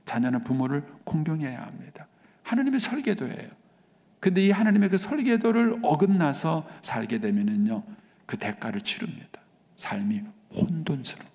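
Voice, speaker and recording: Middle-aged guy preaching, gravelly voice, big pitch swings, echoey church hall. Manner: emphatic preaching, swings between raised exclamations and hushed whispers. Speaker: pastor. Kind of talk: sermon. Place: church sanctuary. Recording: reverberant church sanctuary.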